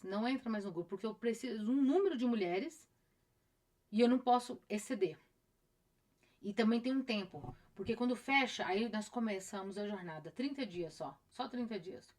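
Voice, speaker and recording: At a normal speed and with a voice on the high side, a middle-aged woman therapist with a Brazilian Portuguese accent talks informally on a live stream. She echoes phrases and voices her patients.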